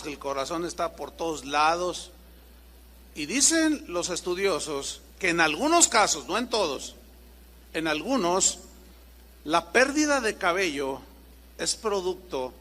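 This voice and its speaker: Pastor, high bright voice, very lively sermon delivery, echoing church hall. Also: male voice. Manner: lively, acts out little dialogues, rhetorical questions.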